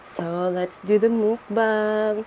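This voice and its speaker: A woman's voice: medium pitch, takes it slowly, slight background noise. A woman with a Filipino accent, gushing through a casual unboxing vlog in her bedroom and mixing English with Tagalog. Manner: gushing, excitable exclamations. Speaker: vlogger.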